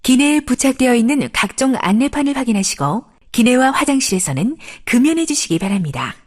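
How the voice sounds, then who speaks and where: A woman's voice: on the high side, very animated, fairly quick. A woman reading a scripted plane cabin safety announcement in a formal, polite way, as a flight attendant.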